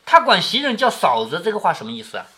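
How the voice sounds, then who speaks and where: A father reads a classic novel to his daughter, stopping to explain and repeatedly asking rhetorical questions. His voice is bright and clear, and his pitch rises and falls in a lively way. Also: fast talker. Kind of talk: storytelling with commentary.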